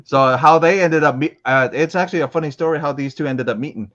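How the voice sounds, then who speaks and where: A man's voice: fairly high pitch, fast, a bit bright, highs cut off. A young adult man from Florida, a guest in a casual interview, talking in a rambling way full of restarts and fillers. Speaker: interviewed guest, comic collector.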